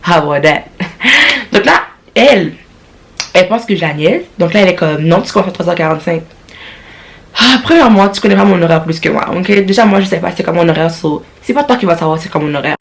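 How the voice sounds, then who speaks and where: A young woman with a Quebec French accent telling a storytime vlog, sassy and animated, slipping English slang into her talk. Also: fairly low pitch, a little fast, creaky. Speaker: vlogger.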